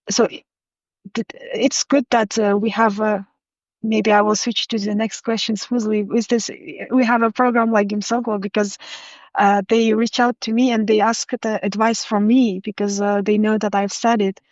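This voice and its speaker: A young woman from Kazakhstan hosting an interview, asking questions with many fillers and pauses. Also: mid-range voice, darkish tone, dry recording, highs cut off. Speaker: podcast host.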